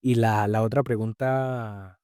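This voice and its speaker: A young Colombian man speaks as a podcast guest, telling his story of faith with heartfelt earnestness. His voice sits low and sounds dark and mellow. The sound is dry and close, with no room around it. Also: fairly even intonation, takes it slowly, smooth, no echo. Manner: earnest and heartfelt, often repeating phrases. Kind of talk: personal faith testimony.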